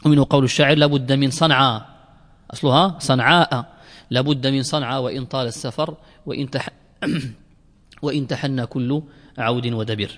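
A man teaching Arabic grammar in a classroom lecture, explaining slowly, repeating words and pausing on long fillers. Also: mid-range voice, steady tone. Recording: long reverb in a hall.

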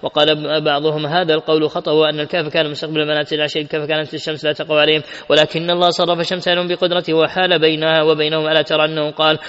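A man's voice: on the high side, level tone, rapid-fire, few pauses, fairly bright tone, clean tone. A man reading classical Quran commentary aloud, with frequent self-corrections and restarts. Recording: dull lo-fi recording with long hall reverb.

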